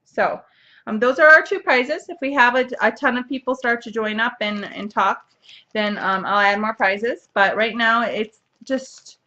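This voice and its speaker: A woman's voice: mid-range voice, pushed and bright, highs cut off. A young woman hosting a casual knitting podcast, chatty and bubbly, with lots of fillers and restarts. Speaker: podcast host. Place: home, seated at a computer.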